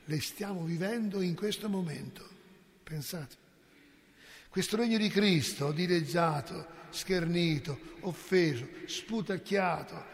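A man preaching a sermon, impassioned and rhetorical, swinging between hushed asides and loud exclamations. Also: sits high, creaky, long reverb tail. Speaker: priest.

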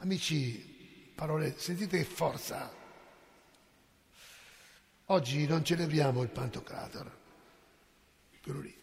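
A man preaching a sermon, impassioned and rhetorical, swinging between hushed asides and loud exclamations. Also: a little high, slow, vocal fry, pauses often, in a large hall, a little hiss or hum. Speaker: priest.

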